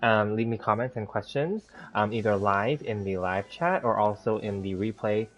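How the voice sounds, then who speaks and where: Low-voiced man lisping from a bitten tongue. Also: moderate pace. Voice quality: slight lisp from a bitten tongue. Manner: rambling step-by-step self-narration. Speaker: live-streaming game host. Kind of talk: casual gameplay livestream chat. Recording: dull, lo-fi sound, background music. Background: music.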